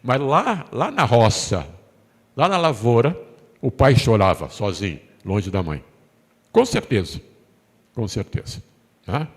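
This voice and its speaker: Brazilian pastor preaching in a reverberant church. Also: male voice, mid-range voice, big pitch swings, unhurried. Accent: Brazilian Portuguese. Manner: storytelling, voicing the characters' words, asks the congregation questions. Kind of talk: sermon. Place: church sanctuary. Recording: long hall reverb in a church.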